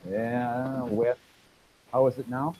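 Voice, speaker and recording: A man on a call testing a lapel mic, his voice coming through low and muffled as if through a wall, with a halting manner. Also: flat delivery, noisy background. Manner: halting, repeats test counts. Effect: muffled and low, as if heard through a wall. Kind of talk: casual mic check on a call.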